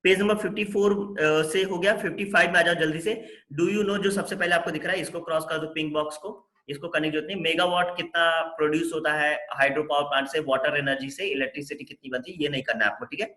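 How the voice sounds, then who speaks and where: Bright-voiced Indian male teacher, echoey room. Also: a little high, fairly even intonation, quick pace, hardly any pauses. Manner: instructive, repetitive directions, mixes Hindi with English terms. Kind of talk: online syllabus walkthrough lesson.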